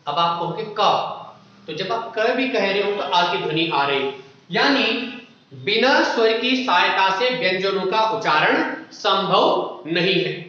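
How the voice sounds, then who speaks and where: A man's voice: high-pitched, lively intonation, a little slow, sharp tone. A man teaching a grammar lesson for exam preparation, explaining step by step and putting questions to the class. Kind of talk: exam-prep Hindi grammar lecture. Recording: echoey room, dull lo-fi sound.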